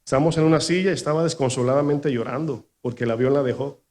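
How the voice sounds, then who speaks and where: A man's voice: a little high, quick pace, darkish tone. A male pastor giving a sermon to his congregation. He tells a personal story, acts out the people he quotes and keeps asking his listeners questions. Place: church in New York.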